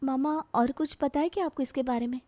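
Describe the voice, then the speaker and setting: A young woman voicing a sweet, clever young bride in a storybook tale, polite and soft. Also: high-pitched, steady tone, fairly quick, no room sound, natural voice. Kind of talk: storybook voice acting.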